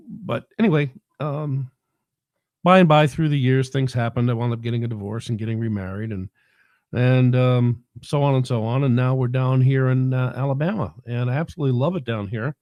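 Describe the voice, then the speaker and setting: A man's voice: mid-range voice, dry recording, lo-fi sound. A middle-aged man from New York with a New York accent, hosting a casual livestream while getting over a head cold in his throat, rambling with many fillers and restarts. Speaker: livestream host and minister.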